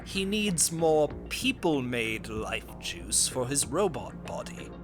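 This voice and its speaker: A man's voice: medium pitch, big pitch swings, takes it slowly, music in the background. A man playing a crude, cranky old soldier in a comedic game parody, blunt and sarcastic.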